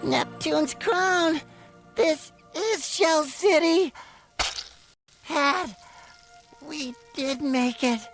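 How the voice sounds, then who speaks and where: An eager, childlike sea sponge talks in a very high, squeaky cartoon voice. He speaks slowly and gives each word its weight, with faint music in the background. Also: a bit bright, full character voice. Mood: awed. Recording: cartoon clip with music behind.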